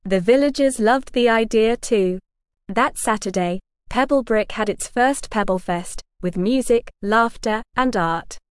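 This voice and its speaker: A woman reading a children's storybook aloud in an even, clear storytelling manner. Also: a little high, unhurried, no echo, clean studio sound.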